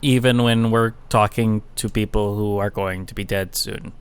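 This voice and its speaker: A man's voice: fairly low pitch, steady tone, normal speed, smooth. A man giving casual, reactive commentary as he plays a video game. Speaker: let's play commentator.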